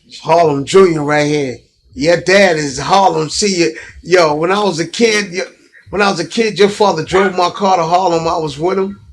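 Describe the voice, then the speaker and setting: A man's voice: on the high side, moderate pace, slight background noise. A man from Brooklyn with a New York accent, chatting casually and peppering his talk with slang. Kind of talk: casual chat.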